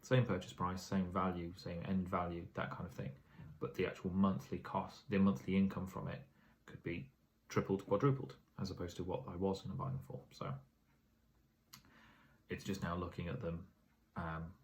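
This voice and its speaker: A man's voice: sits low, flat delivery, moderate pace, a little mellow, a little hiss or hum. A tired man giving a casual vlog update on his property investing, rambling with plenty of fillers and self-corrections. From England.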